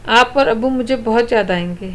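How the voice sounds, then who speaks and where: A woman voicing a tired, sad young bride in a storybook reading, talking quietly and softly. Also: fairly high pitch, close to an everyday voice, poor audio. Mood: subdued. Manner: quiet, soft, subdued.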